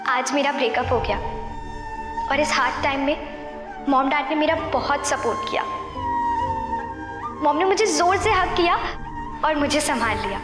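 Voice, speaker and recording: A wistful young ghost recalls her life in a high, light voice. The sound is roomy with a long reverb tail and clear music under it. The telling is slow and reflective. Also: lively intonation. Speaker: narrator. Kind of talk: dramatic voice-over narration. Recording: echoey voice-over with reverb and music.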